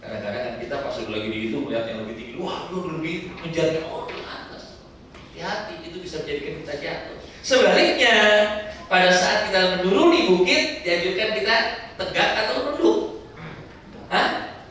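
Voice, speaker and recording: A man instructing a pilgrim group in a lively sermon, asking the listeners questions as he goes. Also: high voice, fairly quick, slight background noise. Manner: lively preaching with rhetorical questions. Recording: very echoey hall from far off, faint ambience.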